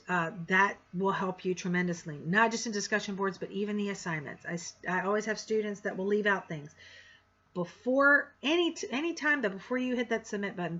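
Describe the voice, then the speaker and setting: Bright, direct woman instructor. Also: mid-range voice, muffled recording. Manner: direct, frank, sarcastic asides. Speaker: college instructor. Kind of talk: course introduction lecture.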